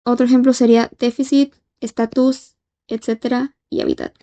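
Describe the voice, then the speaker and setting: A woman giving a lesson from her notes, slowing down to spell out example words, with small slips and fillers. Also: on the high side, little pitch movement, dark tone. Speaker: lecturer. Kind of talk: reading lecture notes on Spanish orthotypography. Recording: dull lo-fi audio.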